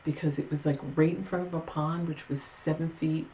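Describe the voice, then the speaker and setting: Mellow, rambling woman vlogger. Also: deep voice, steady tone, normal speed, a little hiss or hum, low-quality recording. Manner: rambling, with many restarts and asides. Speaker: paranormal vlogger. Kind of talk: casual storytelling.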